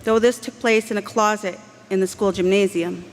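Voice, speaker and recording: A woman from Canada giving a formal graduation address, measured, earnest and heartfelt, speaking into a podium microphone. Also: medium pitch, fairly even intonation. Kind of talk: formal convocation speech. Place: large indoor ceremony hall. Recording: long hall reverb, faint background hiss.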